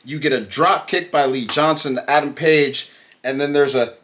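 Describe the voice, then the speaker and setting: A man co-hosting a wrestling podcast, opening with a showy sing-song welcome and then recapping matches in relaxed, casual chat. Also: fairly high pitch, normal speed. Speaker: podcast co-host.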